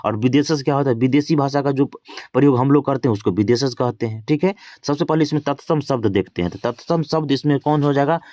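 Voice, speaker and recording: A man's voice: mid-range voice, quick pace, warm tone, dry recording, clean studio sound. A man teaching a grammar exam lesson. He reads each question twice and then answers it himself, dropping in casual English filler words.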